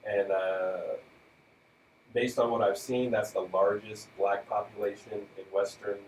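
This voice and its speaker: A man's voice: on the low side, measured pace, roomy sound, recorded from a distance, slight background noise, rough recording. A man co-hosting a radio talk show, casually presenting facts with fillers and light chuckles. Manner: relaxed, fact-reciting with fillers and light chuckles.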